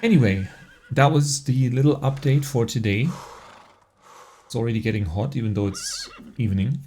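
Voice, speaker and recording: A man hosting a gameplay video, telling a joking story and chatting casually in a wry, relaxed way. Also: mid-range voice, normal speed, slight background noise. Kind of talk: playful storytelling narration and casual gameplay commentary.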